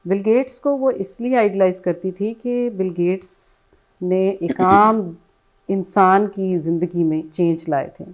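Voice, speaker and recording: A middle-aged woman answering interview questions in a soft, reflective way, often falling to a hush and slipping in English phrases. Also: medium pitch, low-quality recording. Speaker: bereaved mother, interview guest.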